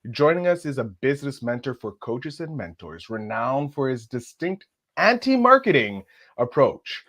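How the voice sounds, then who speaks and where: A man's voice: medium pitch, very animated, normal speed, a bit bright. A male podcast host with a mid-range voice speaks in grandiose, enthusiastic phrasing. He reads his introduction as a showy script, then moves into the interview questions.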